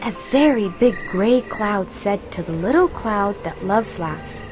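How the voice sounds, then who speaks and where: A woman narrating a children's story in an expressive, animated storytelling manner. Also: medium pitch, unhurried. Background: background music.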